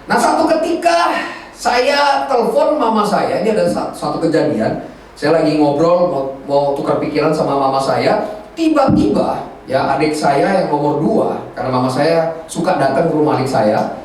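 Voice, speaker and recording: A male pastor preaching a sermon, telling stories in a lively, colloquial way. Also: high-pitched. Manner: animated storytelling, colloquial Jakarta slang. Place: church hall. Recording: distant echoey church hall recording.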